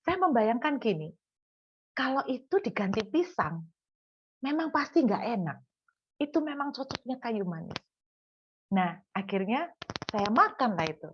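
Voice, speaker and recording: A woman pastor, preaching a sermon and acting out an everyday story with lively scolding and pleading. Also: a little high, a little slow, long pauses, slightly rough, dull audio.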